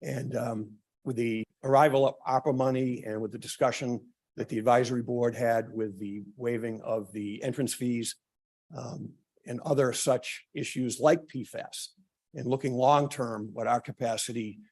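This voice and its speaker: A man addresses a forum with a voice that is starting to go hoarse, and he now and then clears his throat. His talk is halting and full of uhs and ums. His pitch sits in the middle range for a man. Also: fairly even intonation, darkish tone. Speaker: town official presenting at a public forum. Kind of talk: prepared remarks at a public meeting.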